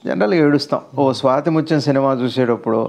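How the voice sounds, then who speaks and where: A man with a gravelly, creaky voice gives a spiritual teaching in the form of a conversation. He explains patiently and asks rhetorical questions. His voice sits at a middling pitch. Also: quick pace, a little mellow.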